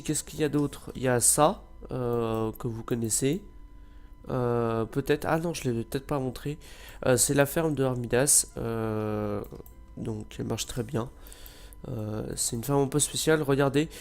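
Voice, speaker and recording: Mid-range and a little mellow, a man's voice carries casual, meandering commentary on a game. He's a gameplay video creator who has a cold, and he hesitates frequently with filler sounds.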